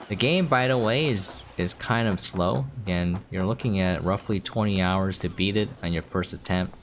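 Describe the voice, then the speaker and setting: At a normal speed and in a low voice, a game streamer casually narrates his play, rambling and thinking out loud. There's game music in the background and a slight hiss or hum.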